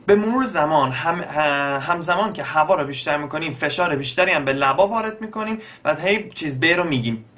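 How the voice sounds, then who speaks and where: A young man with an Iranian Persian accent, explaining beatbox basics in a relaxed spoken tutorial. His voice sits a little high for a man, and he often stops to search for words with frequent fillers. The talk is unhurried and stays step by step. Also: slight background noise. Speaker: beatbox teacher.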